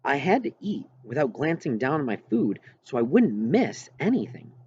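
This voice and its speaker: Very animated, this male audiobook reader narrates a scripted first-person story at normal speed with a medium-pitched, darkish voice. The sound is muffled and clearly noisy, typical of a home recording.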